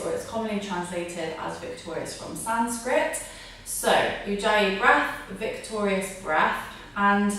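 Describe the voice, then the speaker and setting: Female yoga instructor for a breathing lesson, informal and step-by-step, mid-pitched, heard in a strongly echoing room with faint noise. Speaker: yoga teacher. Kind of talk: spoken yoga breathing tutorial. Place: echoey room, mic at a distance. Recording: very echoey room, distant mic, faint noise.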